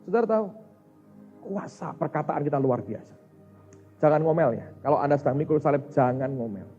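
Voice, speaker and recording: A man, a pastor preaching a sermon, speaking directly to his congregation in an animated way. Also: on the high side, a little fast, husky. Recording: muffled recording with faint music.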